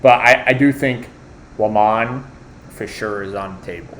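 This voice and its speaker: A young man with a fairly low voice, talking in halting bursts that repeat words and fade out at the ends. He sounds relaxed and conversational. A faint background hiss runs underneath. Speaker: podcast co-host. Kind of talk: casual chat.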